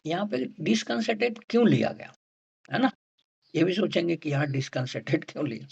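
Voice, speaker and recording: Man, lecturer, gravelly, very husky, slightly high pitch, repeats key terms. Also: big pitch swings, a little mellow, muffled recording. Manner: explains slowly, repeats key terms, checks in with students. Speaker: homeopathy teacher. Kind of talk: lecture on remedy rubrics.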